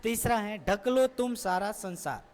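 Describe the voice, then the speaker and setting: A woman's voice: medium pitch, unhurried, darkish tone. A woman teacher explaining a lesson patiently, step by step, repeating each answer. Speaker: school teacher. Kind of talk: recorded classroom lesson explanation. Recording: long echoing reverb.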